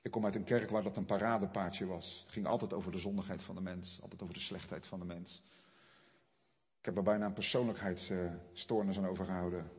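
A man preaching a sermon, his delivery swelling loud and high at the climaxes and then dropping low. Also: fairly even intonation, fairly quick, big-room sound. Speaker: pastor.

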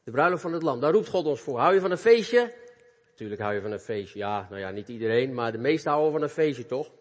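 A man's voice: medium pitch, brisk. Earnest male preacher in a reverberant church. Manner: earnest, animated, addresses youth directly. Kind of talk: sermon. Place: church hall. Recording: long reverb of a church hall.

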